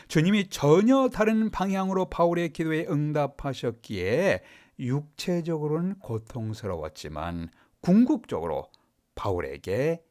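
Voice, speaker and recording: A man's voice: medium pitch, a little mellow. A male pastor delivering a sermon, preaching emphatically and asking rhetorical questions.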